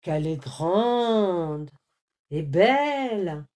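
A woman voicing a naive, easily startled young male wolf in a storybook reading, speaking in lively exclamations. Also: medium pitch, takes it slowly. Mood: amazed. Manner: exclaiming, easily amazed or frightened.

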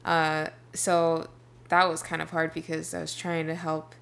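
A woman hosting a podcast talks casually and pokes fun at herself, frequently trailing off and starting over. Her low, monotone voice is unhurried, with vocal fry and a somewhat bright, clean tone, and there is faint noise in the background.

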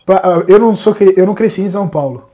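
A man's voice: sits high, fast, warm tone. A man in his thirties from Salvador, Bahia, hosting a casual live podcast interview, chatty and laughing often. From Salvador, Bahia, Brazil. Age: 30s. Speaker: podcast host.

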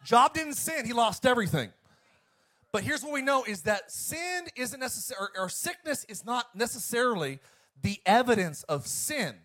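Very high-pitched and sing-song, a male pastor delivers an emphatic sermon at normal speed. His preacherly style swings between loud and soft passages.

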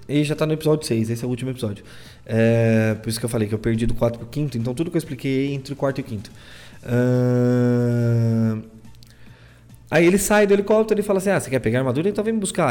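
A man's voice: mid-range voice, a little mellow. A young man giving a casual, rambling recap of anime episodes, stumbling and repeating words as he goes. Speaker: anime reviewer.

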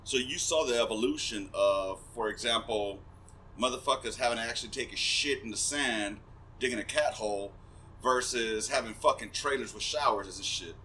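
A man's voice: mid-range voice, moderate pace, pushed and bright, slight background noise. Laid-back profane male podcast host. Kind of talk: casual interview.

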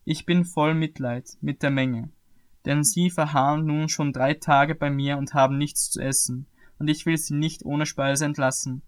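A man reading aloud and voicing a male religious teacher who speaks calmly and with authority, in a measured, earnest way. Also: on the high side, smooth, natural voice. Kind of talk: scripted scripture reading.

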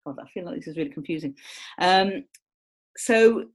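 Lower-pitched woman explaining things casually. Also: normal speed. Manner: rambling, full of "kind of" and "you know"; chatty, self-mocking, lively.

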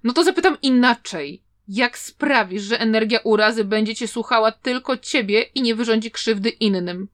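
A woman's voice: fairly high pitch, moderate pace, hardly any pauses, close to an everyday voice. A woman reading a stern, easily enraged old male teacher in an audiobook, lecturing and scolding with outrage. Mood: sharp, scolding.

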